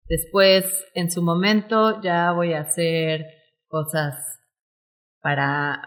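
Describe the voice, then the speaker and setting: Mexican spanish woman, interview guest, forties, animated storytelling, lowish voice. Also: slow. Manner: animated, acts out quoted dialogue. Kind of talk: emotional personal storytelling interview.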